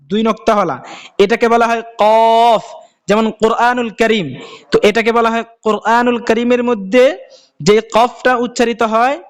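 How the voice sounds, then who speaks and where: A man with a high-pitched voice and a Bangladeshi Bengali accent teaches a Quran reading class. His voice is smooth and resonant as he explains each letter and stretches its name out slowly so it can be repeated. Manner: drawn-out, repeated letter names for practice. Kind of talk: teaching Arabic letter pronunciation.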